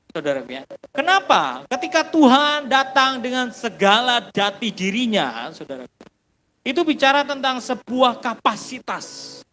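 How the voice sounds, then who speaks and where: A man preaching a sermon as pastor, swinging between loud bursts and hushed passages and often addressing the congregation directly. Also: very high-pitched, in a large hall, slight background noise, rough recording. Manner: preaches with sudden loud bursts and hushed drops, calls listeners "saudaraku".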